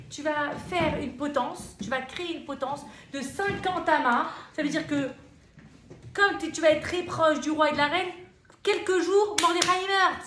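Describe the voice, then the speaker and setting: A woman voicing a scheming wife who eggs her husband on, in an excited, pushy, shrill tone, in a roomy room with faint noise.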